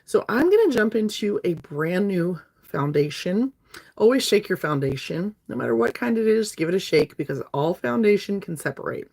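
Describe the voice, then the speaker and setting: A woman's voice: medium pitch, sing-song, moderate pace, darkish tone, slightly rough. A woman. She chats casually with viewers on a makeup livestream and has a slight lingering cough. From North Alabama, USA. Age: 50s. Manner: chatty and friendly, talking straight to viewers. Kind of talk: casual livestream chat while doing makeup.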